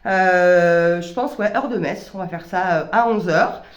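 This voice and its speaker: A woman's voice: fairly low pitch, unhurried. A woman talking reflectively in a personal vlog, hesitant, with many stammered restarts. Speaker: vlogger. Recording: roomy echo.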